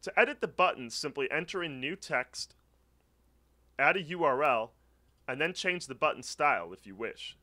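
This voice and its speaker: Bright, lively male tutorial voice. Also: a little high, moderate pace. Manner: clear step-by-step instructional. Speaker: tutorial narrator. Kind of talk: scripted screen-recording walkthrough. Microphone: voice-over.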